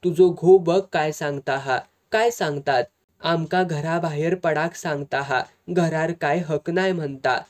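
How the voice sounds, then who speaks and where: A woman's voice: low voice, unhurried, a little mellow. Village stepmother with a Malvani accent, pleading; the reader doing her.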